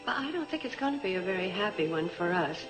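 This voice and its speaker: An actress playing a kindly, practical, harried country innkeeper in a 1960s television sitcom. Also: female voice, on the low side, expressive, fast talker, lightly acted. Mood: kindly, subdued. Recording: echoey soundtrack with music and crowd.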